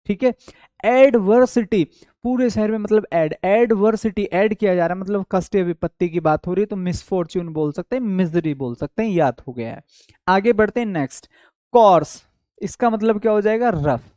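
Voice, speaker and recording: Male tutor for an online exam-prep class, warm mellow tone, dry close sound, answers his own questions and stretches key words slowly. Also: high-pitched, dry recording. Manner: asks questions and answers them himself, drawing out key words; repeats words slowly for memory. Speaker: English vocabulary teacher.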